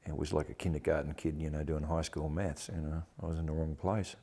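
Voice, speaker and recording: Older aussie bloke, broad australian accent, low voice, telling salty blunt stories in an interview. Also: male voice, level tone, fairly quick, dark tone. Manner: blunt, salty, colloquial storytelling. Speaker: actor interviewee. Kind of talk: casual reminiscing interview.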